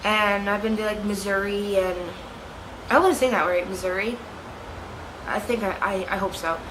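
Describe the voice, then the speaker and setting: A young woman with a Canadian accent talks casually to her camera at home, rambling, correcting herself and giggling. Her voice is mid-range and her pace moderate. She's a vlogger in a room where a fan runs, and its steady noise hums in the background.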